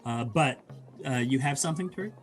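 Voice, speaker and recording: A man narrating a tabletop game as game master, soft-spoken and hesitant, with many fillers. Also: mid-range voice, fairly quick, soft background music.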